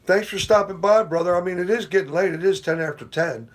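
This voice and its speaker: A middle-aged man with a high, fairly quick voice hosts a casual late-night livestream from home, near the porch. He tells rambling, profane stories and keeps saying "you know."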